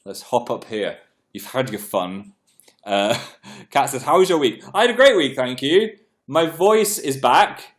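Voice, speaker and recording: A congested young man hosts a livestream at a slightly slow pace, his medium-pitched voice full of lively intonation. He chats casually and pokes fun at himself while reading viewer comments aloud, clearing his throat now and then.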